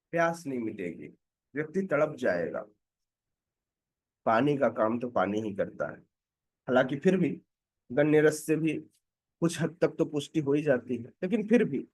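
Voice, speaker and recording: A man preaching a scripture class, explaining slowly with many pauses and asking his listeners rhetorical questions to check that they follow. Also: medium pitch, sing-song, a little mellow. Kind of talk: devotional scripture lecture.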